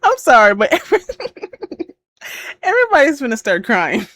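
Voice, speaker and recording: Laughing, animated reaction host woman. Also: high-pitched, slow. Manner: expressive, laughs often, exclamatory. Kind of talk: casual reaction commentary.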